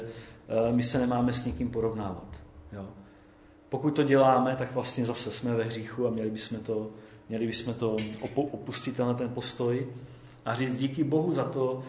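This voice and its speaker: A man preaching a conversational sermon, often checking in with his listeners with a quick "jo?". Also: medium pitch, a little mellow, roomy sound.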